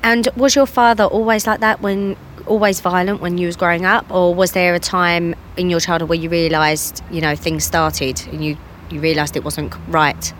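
A woman's voice: on the low side, level tone, normal speed, a bit bright, a little hiss or hum. A woman hosting an interview, asking questions in a conversational way with fillers. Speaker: interview host.

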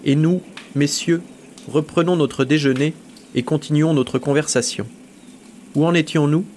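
A courteous, unflappable musketeer with an easy, mocking politeness, voiced by a man reading a novel aloud. The voice sits a little higher and louder than plain narration. He sounds calm and amused, even under fire. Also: measured pace, slight background noise, lightly acted. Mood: nonchalant.

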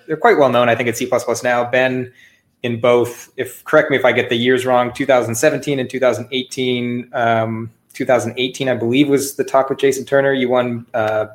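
A man hosting a casual interview podcast, recorded in an echoey apartment room that sounds like a big hall. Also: medium pitch. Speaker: podcast host.

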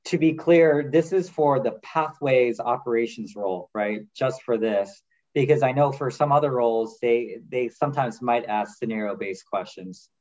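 A man working as a career coach, asking measured, encouraging interview questions. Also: mid-range voice, a little mellow. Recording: dull lo-fi audio.

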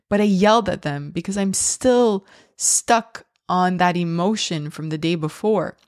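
A woman's voice: lowish voice, no room sound, clean studio sound. A woman in her thirties hosting a solo parenting podcast, talking candidly and reflectively with some restarts. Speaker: podcast host.

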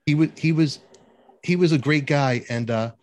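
A man, a musician, chatting earnestly about a late bandmate, halting and restarting his sentences. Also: fairly high pitch, darkish tone. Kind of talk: casual chat.

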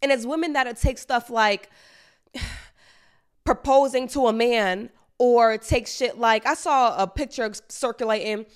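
A woman's voice: on the high side, a little slow, smooth. A woman giving an opinionated monologue, emphatic and repeating lines for emphasis, in casual slang, speaking with a retainer in. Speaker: commentator.

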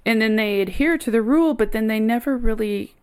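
A woman's voice: a little high, brisk, a little mellow, smooth. A woman co-hosting a podcast, talking candidly in a casual chat and laughing easily. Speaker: podcast co-host.

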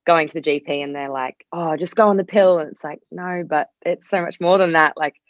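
Here the Australian podcast guest talks a little fast, her deep voice keeping a fairly even intonation. It's casual, loose chat full of "like," captured in a roomy, somewhat dull-sounding space.

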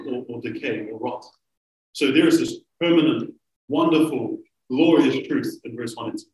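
Earnest preacher man, roomy and distant. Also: mid-range voice. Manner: earnest, emphatic, slows down on key phrases. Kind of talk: sermon.

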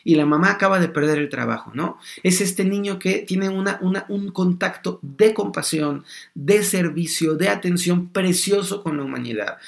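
A man hosting a podcast, explaining a topic in an animated way and acting out small dialogues. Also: sits high, moderate pace, creaky. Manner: animated, acts out little dialogues. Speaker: podcast host.

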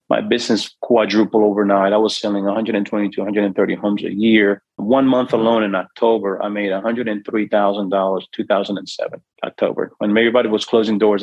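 Husky low-voiced man telling his story. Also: no echo, dull audio. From New York. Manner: earnest, acts out his own inner voice. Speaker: guest, real estate investor. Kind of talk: emotional storytelling.

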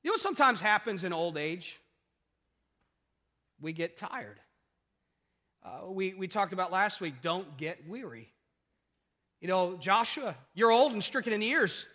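A man's voice: high-pitched, animated, unhurried, long pauses, bright, forceful tone, long reverb tail. A male pastor preaching a sermon emphatically, firing off rhetorical questions and repeating his points.

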